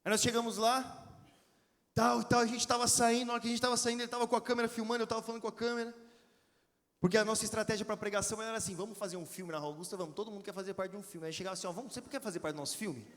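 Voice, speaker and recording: A man's voice: sits high, fairly even intonation, rapid-fire, a bit bright. A man with a Brazilian Portuguese accent telling a casual, slangy sermon story to a conference audience, acting out the dialogue. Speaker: preacher at a youth conference. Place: large hall with audience. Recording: long hall reverb, crowd murmur.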